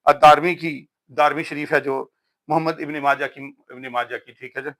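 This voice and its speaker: A vlogger from Pakistan talks casually but emphatically about books, sounding preachy and saying "yaar" a lot. His voice is fairly high and a bit bright, with fairly even intonation.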